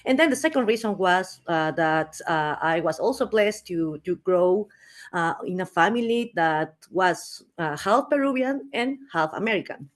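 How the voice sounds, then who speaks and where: Chatty Peruvian woman in her thirties. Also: lowish voice. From Peru. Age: 30s. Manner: chatty with frequent fillers and restarts. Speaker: guest speaker. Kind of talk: conversational interview.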